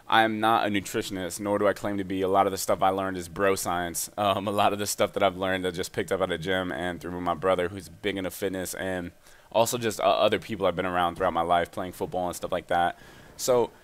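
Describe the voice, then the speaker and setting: Fast-talking young man, low voice. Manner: fast, energetic and chatty. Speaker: gaming YouTuber giving fitness advice. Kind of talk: casual commentary over gameplay.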